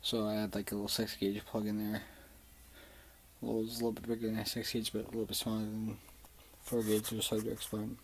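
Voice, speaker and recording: A man's voice: lowish voice, completely flat delivery, fast talker, slight background noise, poor audio. A young man rambling through a personal story in a casual vlog, swearing often and using lots of fillers. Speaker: vlogger.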